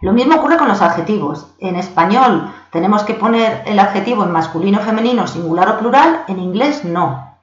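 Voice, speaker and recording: A woman from Spain, an English teacher, giving a patient recorded lesson, slowing down for examples and often checking in with her learners. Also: medium pitch, expressive, a little hiss or hum. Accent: Spanish from Spain. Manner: patient, slows down to read example sentences. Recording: echoey, dull lo-fi home recording.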